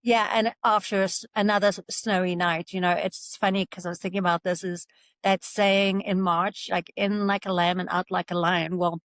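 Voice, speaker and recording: A woman's voice: lowish voice, fairly even intonation, moderate pace, no room sound, studio quality. A woman hosting a podcast, chatting casually with a guest, laughing often and using lots of fillers. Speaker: podcast host. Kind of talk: casual interview chat.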